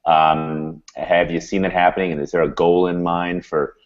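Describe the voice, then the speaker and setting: A man's voice: sits low, little pitch movement, normal speed, muffled recording. A man moderating a panel discussion, asking questions hesitantly with many ums.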